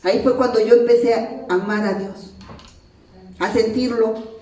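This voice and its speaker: A woman's voice: fairly high pitch, fairly even intonation, a little slow, mellow, far from the mic. A middle-aged woman with a Mexican accent sharing her frank, profane personal testimony at a recovery meeting, laughing often as she tells it. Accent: Mexican Spanish. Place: meeting hall. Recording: very echoey hall, speaker off-mic, crowd murmur.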